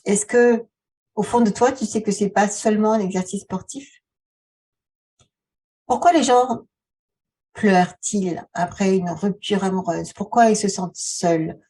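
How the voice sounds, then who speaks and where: A woman talking casually to her viewers as a video host, halting and conversational, often posing rhetorical questions. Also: medium pitch, mellow, breathy edge, far from the mic. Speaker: video channel host, author and relaxation therapist. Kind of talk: casual vlog talk addressed to the viewer.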